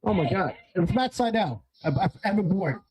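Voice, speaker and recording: A man hosting a wrestling watch-along, excitable and rambling, often stumbling and correcting himself, amped up on coffee. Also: sits high, brisk, husky, poor audio. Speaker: stream host. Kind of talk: casual watch-along chat.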